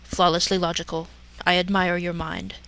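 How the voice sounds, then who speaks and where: A woman voicing a cool, logical male alien science officer, measured and deadpan, in a parody story reading. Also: fairly low pitch, rough recording. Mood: cool approval.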